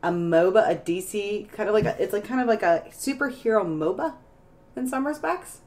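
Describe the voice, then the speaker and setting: A woman streamer chatting casually on a live stream, tired and a bit hoarse, rambling as she searches for words. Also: mid-range voice, animated, moderate pace, darkish tone. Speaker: game streamer.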